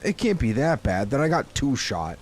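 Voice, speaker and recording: A man's voice: medium pitch, very animated, moderate pace, a little hiss or hum. A man casually commenting on his gameplay in a joking, wry way. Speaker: gameplay host. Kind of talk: casual let's-play commentary.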